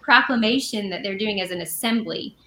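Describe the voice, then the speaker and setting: A woman's voice: medium pitch, fairly quick, reverberant, crowd noise. A woman co-hosting a casual podcast, reading Bible passages aloud and then explaining them in a chatty way with fillers and self-corrections. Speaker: podcast co-host.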